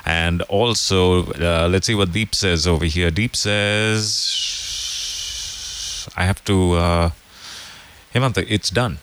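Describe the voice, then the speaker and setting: A man's voice: sits low, takes it slowly, pauses often, a bit bright, clear, resonant tone. A man hosting a breakfast radio show, joking and playful in casual chat. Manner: jokey, playful, teasing. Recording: music playing under the voice. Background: music.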